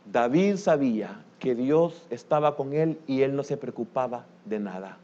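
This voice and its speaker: At a measured pace, an older man preaches as pastor in a Salvadoran Spanish accent, animated as he moves from loud cries to low mutters. The recording is muffled.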